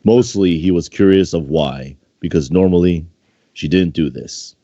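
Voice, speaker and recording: In a low, dark voice at a measured pace, a man reads fan fiction in an offhand, amateur manner, stumbling over passages and offering commentary. A home microphone gives the audio a dull, roomy quality.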